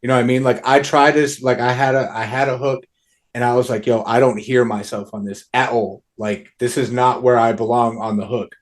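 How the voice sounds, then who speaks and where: A man in his own plain mid-range voice talks easily about making his album. He leans on slang and swear words and keeps checking in with "you know what I mean". His delivery is relaxed and conversational. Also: mid-range voice, brisk. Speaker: guest musician. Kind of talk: casual music chat.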